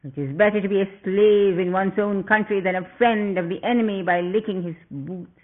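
A man's voice: high-pitched, moderate pace. A man voicing a furious, arrogant young demon prince who snarls his accusations, heard through tinny, phone-like audio.

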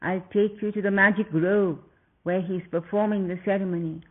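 A man's voice: sits high, steady tone, fairly quick. A man voicing a stern, righteous demon uncle who scolds his nephew, heard through tinny, phone-like audio. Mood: urgent.

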